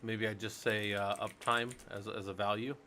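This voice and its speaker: A man's voice: lowish voice, little pitch movement, moderate pace, pushed and bright, soft background music. A man hosting a casual live stream, chatting loosely and thinking aloud while he works on a computer. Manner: loose and rambling, thinks aloud, many fillers. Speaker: livestream host.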